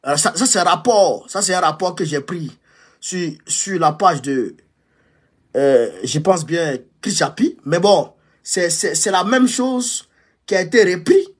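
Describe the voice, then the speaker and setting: A man speaking as a political commentator in a fiery revolutionary-style address, emphatic and repeating his phrases for effect, with a husky voice. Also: sits high, lively intonation, unhurried.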